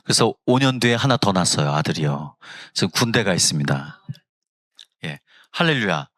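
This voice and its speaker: A man's voice: low voice, big pitch swings, moderate pace, fairly bright tone, no room sound, studio quality. A pastor in his fifties, from South Jeolla, preaching a sermon at a Friday prayer service in a church, telling family stories with humor. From South Jeolla, Korea. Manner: humorous, acts out family quotes. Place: church sanctuary.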